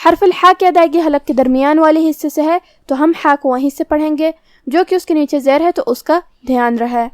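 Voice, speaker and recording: A woman with a high voice teaches recitation rules in a slow, methodical tutorial. She is close to the mic in a dry, deadened space, and she carefully walks through each letter's pronunciation. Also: no room sound. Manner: explains pronunciation rules step by step. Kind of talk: tajweed lesson with slow recitation.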